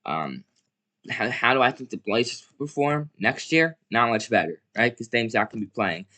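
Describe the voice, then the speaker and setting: A young man gives casual solo commentary on basketball, rambling through his opinions and correcting himself amid plenty of fillers. His mid-range voice swings widely in pitch, pushed and bright, at a moderate pace.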